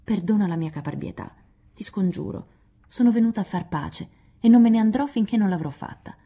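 A woman's voice: low voice, brisk, slightly rough, full character voice. A woman reading aloud, voicing a spirited young woman who coaxes and teases a friend. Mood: coaxing. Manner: coaxing, lively.

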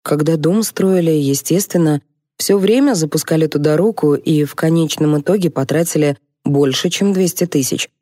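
A woman narrating an audiobook in a wry, even storytelling manner. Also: low-pitched, normal speed, no echo, studio quality. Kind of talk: scripted narration.

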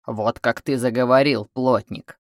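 A woman doing a gruff, hostile guild fighter. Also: medium pitch, fairly even intonation, measured pace, no echo, studio quality, close to an everyday voice. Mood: scornful.

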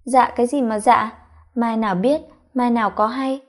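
A woman's voice: a little high, fairly even intonation, moderate pace, natural voice. A woman voicing a tipsy, affectionate young husband who talks in a slurred, whiny, sugary way. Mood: tipsy teasing.

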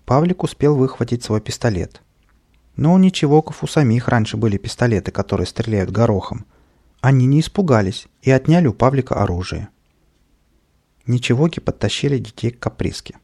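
A man narrating a children's audiobook in an expressive storytelling manner. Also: medium pitch, a little fast.

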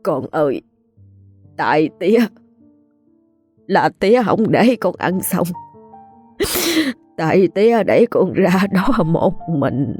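A woman's voice: sits low, moderate pace, pauses often, soft background music, natural voice. A woman voicing a grieving country father. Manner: broken, soft-spoken. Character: grieving rural father, gentle and worn.

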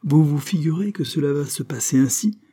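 A man voicing a scheming, spiteful middle-aged woman in an audiobook reading, with a shrill, mocking delivery. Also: expressive, normal speed, warm tone, husky.

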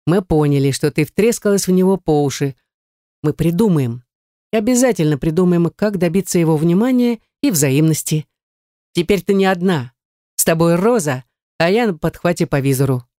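Brisk bossy young student girl, read by a woman. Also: on the low side, lively intonation, warm tone, no room sound, studio quality, close to an everyday voice. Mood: exasperated. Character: lively teasing young woman student friend. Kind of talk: audiobook character reading.

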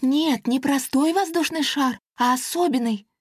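A woman reading a storybook aloud and voicing a small, excitable girl air fairy who talks in an eager, insistent rush. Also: high voice, measured pace, no echo, clean studio sound, pitched above the performer's own voice. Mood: excited. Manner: breathless, insistent, bubbly.

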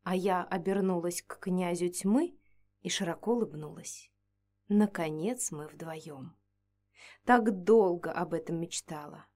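A woman's voice: fairly low pitch, measured pace, a little mellow. A woman reading a first-person fantasy story aloud in a playful, ironic manner. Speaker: audiobook narrator.

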